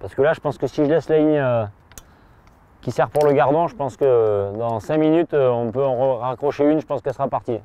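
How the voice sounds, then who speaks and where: A man commenting casually while fishing at a pond, relaxed and hesitant, often restarting his sentences. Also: medium pitch, fairly quick, smooth, muffled recording. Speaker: fishing angler presenter. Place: outdoors by a pond.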